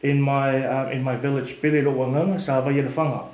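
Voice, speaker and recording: A man, a relaxed and chatty podcast guest who uses many fillers. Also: mid-range voice, brisk, a crowd in the background. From Samoa. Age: 30s. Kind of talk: casual podcast chat. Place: studio room. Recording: echoey room.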